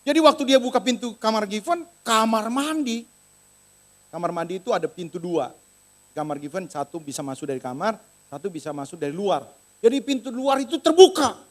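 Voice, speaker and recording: A man's voice: high-pitched, brisk. A middle-aged man preaching a sermon in a church, telling a story and acting out the voices in it. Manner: animated, acts out voices in quoted dialogue. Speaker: pastor.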